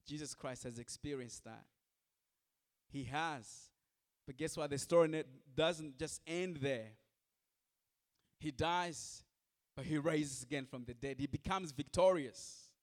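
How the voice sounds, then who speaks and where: A male pastor delivering a sermon in a slightly higher-than-usual voice. He speaks in short, repeated phrases and turns often to the congregation with direct questions. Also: takes it slowly, long pauses.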